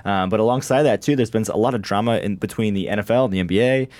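A man's voice: fairly low pitch, fast, a little mellow, no room sound. A man in his twenties from Wisconsin, hosting a sports podcast in a chatty, rambling way and laughing often. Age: 20s. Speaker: podcast host. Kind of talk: casual sports chat.

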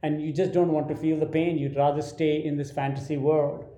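Indian-accented male director, mellow low tone, restless storyteller, slightly raised pitch. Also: brisk. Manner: animated anecdotes with many restarts. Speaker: film director. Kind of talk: interview storytelling. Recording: roomy echoey sound.

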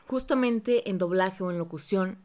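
A woman from Mexico hosting a podcast, chatty and enthusiastic with quick asides. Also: mid-range voice, a little mellow. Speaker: podcast host. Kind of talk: casual podcast interview.

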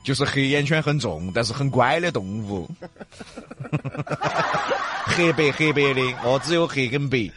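Lively Sichuan-dialect man, teasing. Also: medium pitch, normal speed, long pauses, heavy background noise. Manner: teasing, joking. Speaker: comedy talk show co-host. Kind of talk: casual comic banter in Sichuan dialect.

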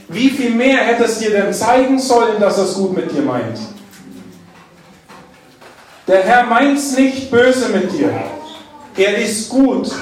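A man preaching a sermon, dwelling on key phrases with drawn-out emphasis. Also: sits high. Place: church hall. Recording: echoey church hall, mic at a distance.

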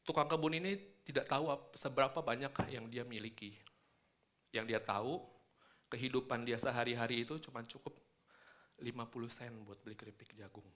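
Indonesian male preacher speaking with braces, forceful tone. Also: mid-range voice, fairly quick. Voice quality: slightly impeded articulation from wearing dental braces. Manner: emphatic teaching with repeated check-in tags to listeners. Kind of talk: sermon.

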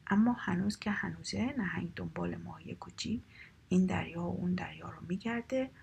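A woman reading a children's story aloud in a soft, half-whispered storytelling voice. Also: lowish voice, gravelly, a little hiss or hum.

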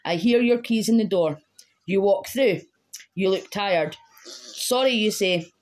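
A woman's voice: medium pitch, measured pace. Woman reading a poem. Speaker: guest poet. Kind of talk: reading her own poem aloud.

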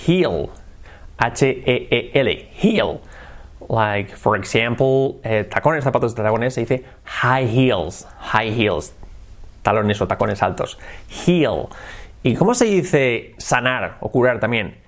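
Young man from Spain, Spanish accent, upbeat bilingual English tutor who spells words out slowly and repeats them. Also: mid-range voice, lively intonation. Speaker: English teacher. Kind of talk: bilingual vocabulary lesson.

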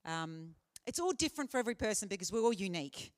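This conference speaker, a woman with a mid-range, animated voice, talks at a quick pace. In a conference hall, she responds to questions in a live teaching session, earnest and chatty with lots of fillers.

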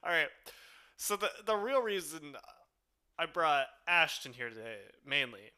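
A man's voice: fairly high pitch, big pitch swings, measured pace, pushed and bright, clear, resonant tone. A young man hosting a podcast, chatty and rambling, often laughing between remarks. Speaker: podcast host. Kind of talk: casual podcast chat.

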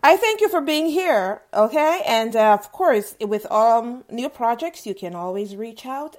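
A woman presenting a live show as host, giving shout-outs and introductions. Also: mid-range voice.

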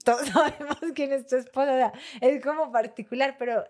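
A young woman, co-hosting a podcast in casual chat, giggling often between quick remarks. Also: sits high, fairly even intonation, a little mellow. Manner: giggly, chatty, quick interjections. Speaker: podcast co-host.

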